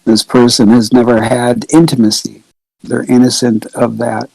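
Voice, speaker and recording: A man who is a guest on a roundtable, talking over a video call and reasoning through his point in a measured, methodical way. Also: medium pitch, level tone, creaky, a little mellow, no room sound, poor audio. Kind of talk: casual discussion.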